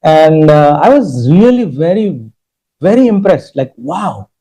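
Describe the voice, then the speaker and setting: Mellow-voiced man telling stories on a panel. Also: on the high side, sing-song, unhurried, poor audio. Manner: storytelling, emphatic lists. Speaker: guest speaker. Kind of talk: conversational interview talk.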